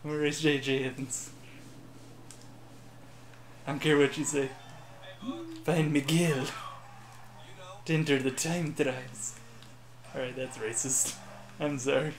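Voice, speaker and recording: A man's voice: medium pitch, little pitch movement, a little slow, pauses often, echoey room, slight background noise. A man joking and mocking himself while playing a racing game in casual chat. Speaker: gameplay commentator.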